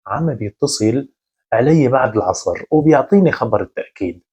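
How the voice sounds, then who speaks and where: A man's voice: mid-range voice, lively intonation, brisk, darkish tone, husky. A man voicing an eager, broke young friend who talks breezily about a new job. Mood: upbeat.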